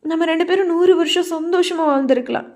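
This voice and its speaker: A woman voicing a young female college student, torn and heartbroken, speaking wistfully and quietly firm. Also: very high voice, quick pace, voice pushed up.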